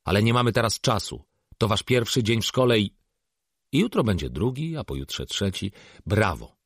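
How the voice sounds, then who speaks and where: A man doing a harried father, shouting and impatient. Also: fairly low pitch, huge pitch swings, normal speed, creaky, slightly rough, no echo, studio quality, pitched above the performer's own voice, exaggerated voice. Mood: exasperated. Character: harried father of two young daughters, exasperated.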